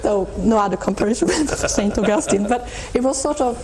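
A middle-aged woman from Sweden with a Swedish accent, speaking English as a guest in an interview, reflective and thoughtful, with frequent restarts and soft laughs. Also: fairly high pitch, expressive, brisk, crowd noise, low-quality recording. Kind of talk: reflective personal testimony.

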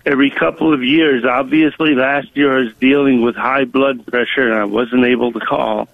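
On a tinny phone line, a male caller tells a radio show his personal story, full of hesitations and ums. His medium-pitched voice holds a steady tone at a moderate pace, has some vocal fry, and carries no room sound.

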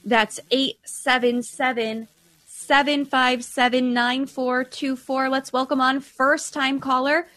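A woman hosting a call-in radio show with a brisk, upbeat delivery. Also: sits high, flat delivery, a bit bright. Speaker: radio host.

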